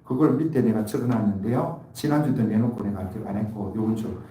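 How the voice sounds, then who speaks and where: Korean pastor preaching in an echoey hall. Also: male voice, on the low side, quick pace, slight background noise. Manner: animated preaching, acts out quoted voices, asks the congregation questions. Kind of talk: sermon. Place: church sanctuary. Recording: echoey hall, mic from far off.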